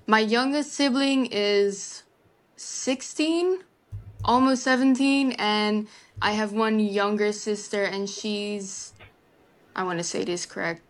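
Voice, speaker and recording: This young woman from the Netherlands speaks at a slow pace and a medium pitch. A native Dutch speaker and legal assistant, she's a guest giving relaxed interview answers, sprinkling in "like" and "kind of" as she chats.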